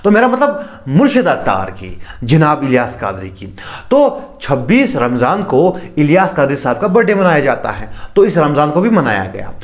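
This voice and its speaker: Sarcastic male commentator with a lively pitch. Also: moderate pace. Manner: mocking, sarcastic. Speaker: online commentator. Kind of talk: critical commentary video.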